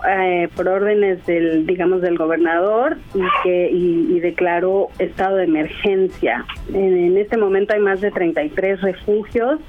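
Woman journalist on a muffled radio line. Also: mid-range voice. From Mexico. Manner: measured, factual, with fillers. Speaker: guest journalist. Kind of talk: radio interview chat. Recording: dull lo-fi radio line, faint music.

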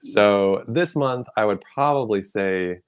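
A man speaks as an interview guest, a physician who coaches colleagues. His voice is on the low side, and his delivery is relaxed and measured, with occasional fillers. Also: smooth. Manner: relaxed and measured, explains steadily with some fillers. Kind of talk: casual interview conversation.

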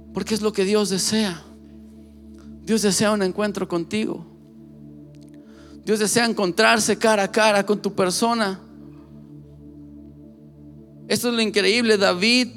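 A man's voice: high voice, a bit bright. A male pastor preaching a sermon with passion, speaking straight to the listener and repeating phrases for emphasis.

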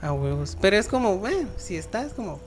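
A man's voice: high voice, sing-song, brisk, over music. A man, hosting a podcast and telling joking, slangy work stories. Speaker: podcast host. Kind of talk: casual podcast chat.

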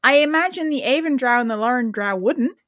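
Woman podcast co-host, casual and frank, a little high, dry close sound. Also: animated, fairly quick, fairly bright tone, no room sound. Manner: frank, swears, laughs often. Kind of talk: casual chat.

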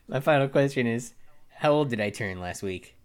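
A man's voice: mid-range voice, expressive, normal speed, clear, resonant tone. A man in his mid-twenties co-hosting a casual podcast, dry and easygoing, wrapping up the show. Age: 20s. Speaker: podcast co-host. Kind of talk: casual chat, show wrap-up.

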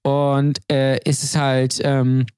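A man's voice: medium pitch, completely flat delivery, takes it slowly, darkish tone, clean tone, no echo, studio quality. A man co-hosting a podcast, talking at length in an opinionated, rambling way with many fillers. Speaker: podcast co-host. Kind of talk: casual podcast banter.

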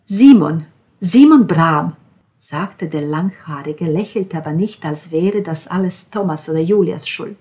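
Woman narrator, lowish voice, measured audiobook reading. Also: fairly even intonation, mellow.

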